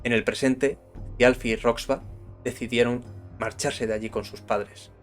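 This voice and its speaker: A man's voice: mid-range voice, steady tone, unhurried, faint music behind. A man with a Castilian Spanish accent narrating a Norse myth with dramatic storytelling.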